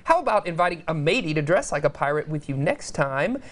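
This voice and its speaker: Low-voiced upbeat morning show hostess. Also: female voice, sing-song, fairly quick. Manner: upbeat and chatty. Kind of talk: scripted local events segment.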